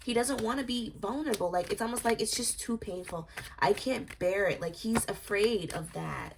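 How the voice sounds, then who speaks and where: A woman's voice: mid-range voice, normal speed, vocal fry, a little hiss or hum. A young woman doing a casual tarot reading vlog, talking in a rambling, confiding way with lots of fillers. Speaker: tarot reader.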